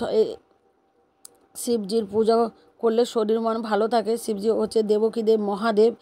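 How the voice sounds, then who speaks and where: A woman calmly explains a home worship ritual, pausing often and hesitating as she talks. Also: a little high. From West Bengal, India. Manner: calm and unhurried, with frequent hesitations. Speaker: devotional vlogger.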